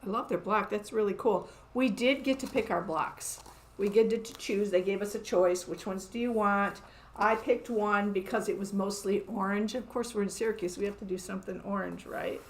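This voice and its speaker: A woman's voice: medium pitch, fairly even intonation, moderate pace. Chatty, upbeat woman hosting a live show. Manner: chatty, upbeat, laughs often. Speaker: quilt shop host. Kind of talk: casual live show-and-tell. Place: quilt shop.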